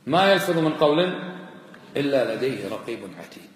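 A man's voice: medium pitch, expressive, fairly quick. A man preaching a sermon, admonishing his listeners with rhetorical questions and repeated warnings. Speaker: Islamic preacher. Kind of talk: sermon lecture. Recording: echoey hall, long reverb.

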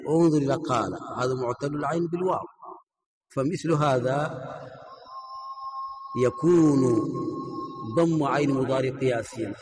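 A man teaching a classical grammar text, repeating each phrase a student reads and then explaining it at a measured pace. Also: medium pitch, rough recording. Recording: recorded with crowd noise behind. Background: crowd noise.

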